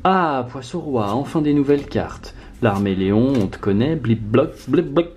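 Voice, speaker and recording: Excitable man opening card packs at home. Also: medium pitch, moderate pace. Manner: animated, excitable, swings from muttering to loud exclamations. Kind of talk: casual card-opening vlog. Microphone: camera mic on tripod.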